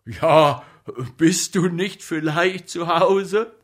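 A man doing an excitable boozy comic actor. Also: slow pace, heavily acted. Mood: fussing. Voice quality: loud, excitable, high-pitched. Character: agitated boozy male comic actor, fussing friend.

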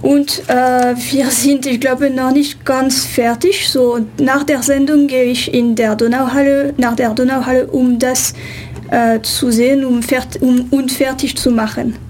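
High-voiced woman with a French accent. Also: level tone, a little slow, a little mellow, a little hiss or hum. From France. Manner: hesitant, frequent "äh" fillers, non-native grammar. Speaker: photographer, interview guest. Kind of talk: radio interview answers.

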